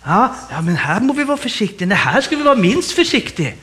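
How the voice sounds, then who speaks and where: Male guest preacher, high-pitched, animated sermon delivery full of exclamations and laughter. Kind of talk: lively sermon.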